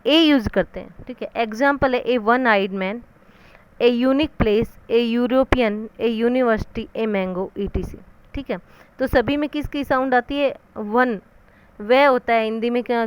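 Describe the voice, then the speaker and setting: Woman teaching grammar, smooth clear voice, a bit high, keeps asking and answering her own questions. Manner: repeats "theek hai" and asks questions she answers herself; reads the English rules slowly. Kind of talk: explaining a lesson in Hindi with English terms.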